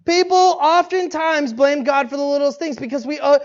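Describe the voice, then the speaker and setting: A male pastor preaching in a casual, conversational way, animated and acting out bits of dialogue, often restarting his sentences. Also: extremely high pitch, normal speed. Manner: animated, acts out quoted dialogue, frequent restarts and laughs. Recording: dull lo-fi recording.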